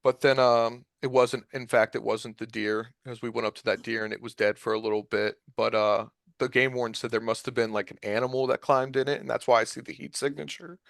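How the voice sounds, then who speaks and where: A man's voice: medium pitch, fairly even intonation, a little fast, creaky, hardly any pauses, no echo. A man in his twenties, a guest on a podcast, telling a hunting story in a casual, rambling way with lots of fillers. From Ohio. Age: 20s. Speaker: podcast guest, deer recovery drone operator.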